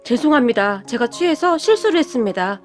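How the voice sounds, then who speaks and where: A woman's voice: fairly high pitch, expressive, brisk, faint music behind, lightly acted. A woman voicing a young husband who blusters and whines. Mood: meek pleading. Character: blustering young husband, hotheaded then pleading.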